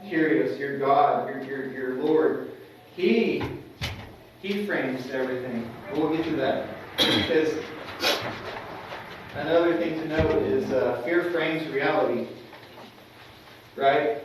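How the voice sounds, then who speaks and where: A man's voice: medium pitch, takes it slowly, pauses often, a little hiss or hum. A young man teaching a Sunday school class in a conversational way, often checking for agreement from the class. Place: church classroom. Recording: echoey room, mic at a distance.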